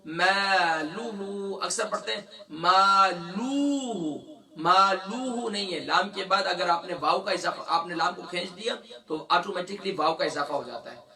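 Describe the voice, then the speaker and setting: Man, Quran recitation teacher, high bright voice, drawn-out letter sounds, a bit off-mic. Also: vocal fry, distant mic. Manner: asks the class questions, then answers them. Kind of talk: tajweed lesson.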